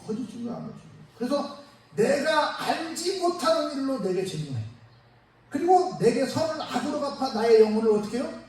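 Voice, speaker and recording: A man preaching a Sunday sermon as pastor, lively and conversational, throwing rhetorical questions at the congregation. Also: very high voice, fairly quick. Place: church sanctuary. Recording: echoey church sound from far off, faint noise.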